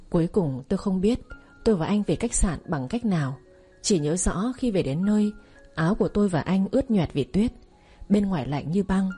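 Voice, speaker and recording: A woman narrating a first-person story in a soft, slow, wistful way. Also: fairly low pitch, slightly rough. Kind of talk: scripted narration. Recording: faint music behind.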